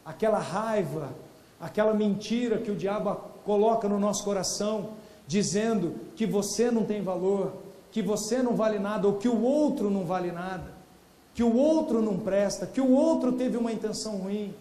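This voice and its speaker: A man with a Brazilian Portuguese accent preaching earnestly at a workshop plenary, repeating key phrases and dropping to a hush for emphasis. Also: high voice, moderate pace. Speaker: pastor.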